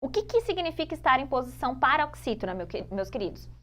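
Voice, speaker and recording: A Brazilian woman teaching a Portuguese grammar lesson for exam prep, explaining patiently, repeating key points and drawing out example words slowly. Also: high-pitched, very animated, fairly bright tone. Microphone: phone.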